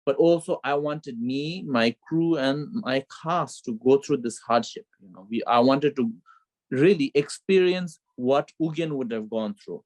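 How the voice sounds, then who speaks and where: Here a Bhutanese film director in middle age talks a little slowly at medium pitch, with no room sound. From home on a video call, children nearby, he shares his story earnestly and reflectively, with repeated phrases and frequent "you know"s.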